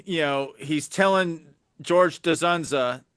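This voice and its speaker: Bright-voiced man summarizing a plot. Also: on the high side, slow, clear, resonant tone, dry recording. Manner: steady plot summarizing, frequent "you know". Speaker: podcast co-host. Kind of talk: casual film discussion.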